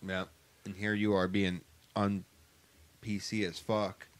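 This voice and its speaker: A man's voice: fairly low pitch, flat delivery, takes it slowly, a little hiss or hum. Teasing, laughing man on a podcast. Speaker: podcast co-host. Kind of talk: casual chat.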